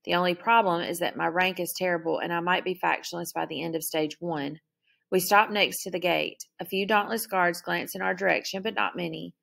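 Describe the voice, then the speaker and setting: Gravelly low-voiced woman reading aloud. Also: fairly even intonation, brisk, fairly bright tone. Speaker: audiobook narrator. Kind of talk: first-person novel reading.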